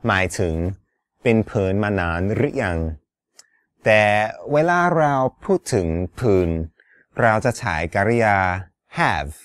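A male teacher explaining grammar and pronunciation in a careful, polite way, his pitch on the low side but moving a lot. He talks very slowly, and the voice is dry and close with no room sound. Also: sing-song, dry recording. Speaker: English teacher. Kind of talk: explaining an English lesson.

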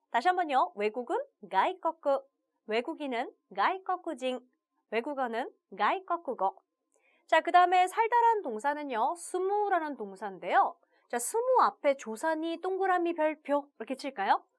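A woman teaching a video language lesson, upbeat and chatty, opening her phrases with a bright "자". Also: high-pitched.

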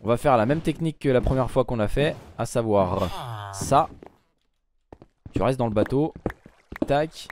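A man recording let's play commentary, talking to his viewers and to game characters, swinging from low muttering to sudden loud outbursts. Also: unhurried, pauses often, crowd noise. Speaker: gaming YouTuber.

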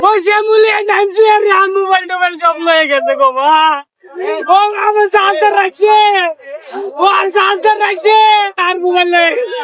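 Young man in very high-pitched, snotty wailing. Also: moderate pace, pushed and bright. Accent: Bangladeshi. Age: young adult. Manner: repeats wailing cries to mother and God. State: snotty, loud wailing crying. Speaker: robbery victim. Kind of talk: distressed lamenting. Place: outdoors on a busy city street. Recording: outdoor street recording amid a crowd.

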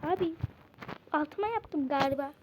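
A young woman chatting casually while playing a game with a friend. She repeats words in quick bursts and yelps when startled. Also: high voice, very noisy. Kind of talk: casual game-play chat.

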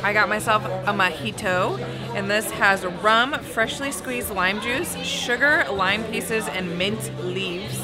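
A woman's voice: mid-range voice, takes it slowly, over loud music. Chatty young woman vlogging aboard a ship. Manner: chatty, bubbly, lots of "like". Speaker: travel vlog co-host. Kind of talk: casual chat. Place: aboard a cruise ship, indoors.

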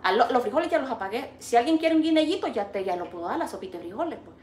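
A woman with a Salvadoran accent, cooking at home and chatting with her live viewers, teasing and animated and full of pet names. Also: fairly high pitch, rapid-fire, distant mic, slight background noise. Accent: Salvadoran Spanish. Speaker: cooking vlogger. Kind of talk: casual live cooking chat. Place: home kitchen. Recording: roomy kitchen, voice off-mic.

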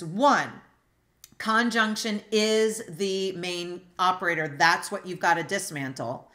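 A woman's voice: mid-range voice, a bit bright. A woman instructor teaching a logic class over a video call, asking students questions, with frequent fillers and restarts. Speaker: philosophy instructor. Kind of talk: online class lecture.

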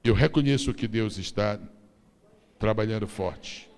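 A man's voice: on the low side, a little slow, a little mellow, smooth. A male pastor preaching a sermon, animatedly acting out the story for his congregation. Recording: long reverb of a large church.

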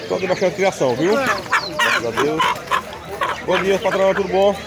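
A man's voice: sits high, normal speed, vocal fry, heavy background noise. A man touring an outdoor animal market with a phone, chatting with sellers and talking to his viewers. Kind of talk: casual walk-and-talk vlog. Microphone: handheld phone camera. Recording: loud crowd at outdoor market.

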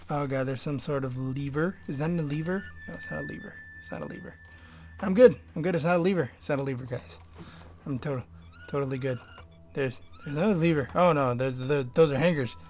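A man's voice: medium pitch, slight background noise. Jumpy, nervous man gaming. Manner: jumpy and nervous, swears, drops to whispers. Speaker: gamer playing a horror game. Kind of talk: let's play commentary. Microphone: desk microphone.

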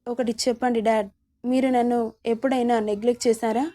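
A woman's voice: fairly high pitch, flat delivery, a little fast, mellow, close to an everyday voice. A woman reading a curt irritated young man. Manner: curt, annoyed.

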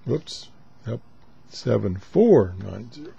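A man's voice: fairly low pitch, sing-song, slow pace, warm tone. A man from the United States talking casually and unhurriedly in short phrases to himself as a radio hobbyist host demonstrating his gear. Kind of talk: casual off-the-cuff demonstration commentary. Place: small indoor radio desk. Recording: dull camera audio with clear static noise. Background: shortwave radio static.

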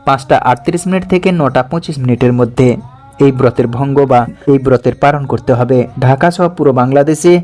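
A man plainly explaining the timings of a religious fast in an instructive way. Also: medium pitch, darkish tone. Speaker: devotional presenter.

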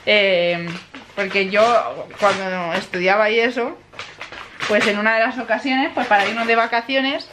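A woman's voice: medium pitch, steady tone, a little slow. A woman in her twenties with a Spain Spanish accent, chatting casually and exclamatorily on a family vlog recorded in a bedroom at arm's length. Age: 20s. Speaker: family vlogger. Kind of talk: casual chat. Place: bedroom at home, indoors. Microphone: camera at arm's length. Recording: clear background noise, handheld home video.

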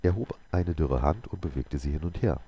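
A man's voice: rumbling low, expressive, moderate pace, dull audio, a little hiss or hum. A man reading a novel aloud as a game video host, telling the story steadily with occasional slips. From Germany.

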